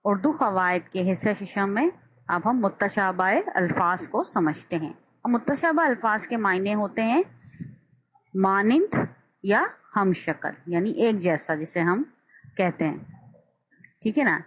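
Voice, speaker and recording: A woman at a middle pitch walks through a grammar lesson, patient and explanatory, pausing to check that listeners follow. She slips English words into her explanations. The recording sounds dull and lo-fi. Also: lively intonation. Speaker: teacher.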